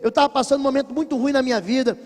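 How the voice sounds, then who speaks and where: A high-pitched man with a Brazilian Portuguese accent delivers a sermon in a church. He tells stories emphatically, swinging between hushed passages and loud bursts, and his voice trails off into a long reverb. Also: fairly even intonation, very fast. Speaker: pastor.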